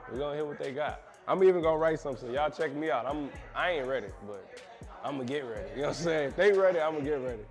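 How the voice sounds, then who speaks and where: A man's voice: fairly high pitch, lively intonation, quick pace, soft background music. A young man hosting a casual chat, joking and hyping up the people he talks to. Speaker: host.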